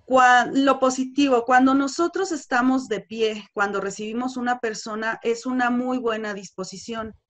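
A woman's voice: on the high side, moderate pace, few pauses, a bit bright. A woman giving a sales training course, explaining step by step with fillers like "este" and "pues". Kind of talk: course presentation on customer service.

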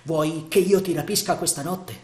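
A man's voice: fairly high pitch, normal speed, darkish tone, close to an everyday voice. A man voicing a bold, passionate pirate chief in an audiobook reading, ardent and declamatory. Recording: roomy echo.

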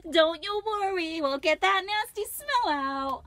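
An eager, lonely young storybook girl, as a woman reading aloud puts her on, speaking in a high, bubbly, pleading voice. Her pitch leaps and swoops with every line. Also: expressive, unhurried, a bit bright, no room sound, heavily acted. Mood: cheerful. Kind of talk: reading a picture book aloud.

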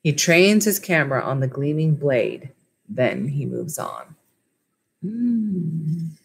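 Her low-pitched voice is gravelly and husky, slow and sing-song, as this school library teacher in her thirties reads a storybook aloud and chats casually with children. The setting is a small wood-panelled room at home, with a webcam or laptop mic at arm's length.

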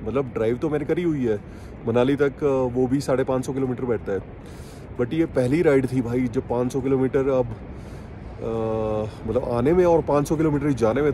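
Outdoors on a mountain trip, a travel vlogger with a warm, medium-pitched voice talks to his audience in a relaxed, enthusiastic manner and mixes in English words. Passing vehicles and other outdoor noise are audible.

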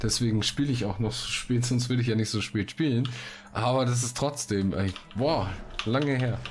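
A man of medium pitch and normal speed chats informally while gaming, reading out quests and regularly breaking off to exclaim. He records in a room at home. The audio is clear, though background noise and typing can be heard.

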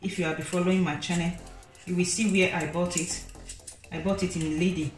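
A woman with a fairly low voice walks through a home cooking demo in a casual, chatty way, looping back on herself with fillers. Her kitchen sounds roomy and echoey, with soft music playing underneath. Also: fairly even intonation, brisk. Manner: chatty, repeats fillers like "so guys" and "you know". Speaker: cooking vlogger. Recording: echoey room with faint background music.

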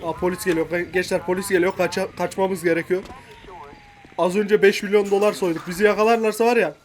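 A man commentating his own game with loud, playful gangster bravado. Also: high voice, fairly even intonation, quick pace. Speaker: gameplay commentator. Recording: music bed under voice.

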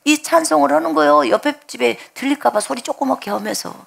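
A woman's voice: high voice, fast, gravelly. A woman pastor from the Jeolla region giving an earnest sermon, telling her own story and acting out her prayers aloud. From Jeolla, Korea.

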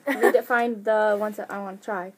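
A woman's voice: medium pitch, fairly even intonation, a little fast. A young woman directing her friends through a taste challenge, chatting casually and laughing while she tells them what to pick next. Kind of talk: casual chat among friends. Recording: noisy home camera recording.

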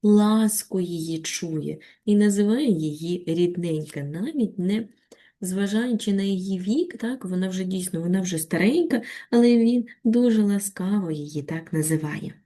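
A woman with a Ukrainian accent teaching a children's reading lesson on video, reciting a poem slowly and expressively, then patiently guiding the class. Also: medium pitch. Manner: slow, expressive poetry recitation. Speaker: primary school teacher.

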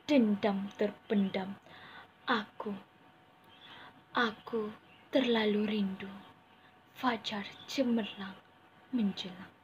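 A young woman with a Malaysian accent recites a poem in a theatrical, stagey manner, with big swells and drawn-out phrases. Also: a little high. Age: young adult. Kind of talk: theatrical poetry declamation. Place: small room indoors. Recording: dull lo-fi phone audio, clear background noise.

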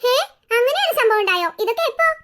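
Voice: very high voice, expressive, fast talker, background noise. A voice actor playing a caring but firm mother in a cartoon story, who comforts her children and sends them to tuition. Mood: motherly. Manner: warm then firmly instructing.

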